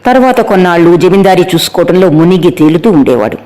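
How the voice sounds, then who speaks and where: A man narrating a novel as an audiobook in a measured, steady storytelling manner. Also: high-pitched.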